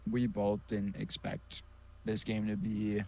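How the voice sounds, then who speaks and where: A man's voice: lowish voice, completely flat delivery, slow, creaky, darkish tone. A man co-hosting a sports podcast, talking casually and jokingly with lots of fillers. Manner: easygoing, joking, many fillers. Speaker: podcast co-host.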